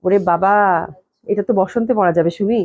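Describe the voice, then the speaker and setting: Warm and a little fast, this woman's mid-range voice comes through a muffled recording. She owns a clothing shop and is hosting a live online dress sale from her company office, gushing with enthusiasm and repeating her praise. She's recovering from a cold and keeps coughing.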